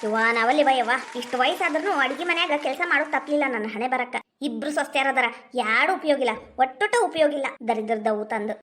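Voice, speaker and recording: A cranky old village mother-in-law, played by a woman, grumbles and curses in a North Karnataka Kannada accent. Her voice sits well below the performer's usual high pitch, and she talks quickly. It is a village comedy sketch. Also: a bit bright, a faint crowd. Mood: grumbling. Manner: scolding, cursing complaints.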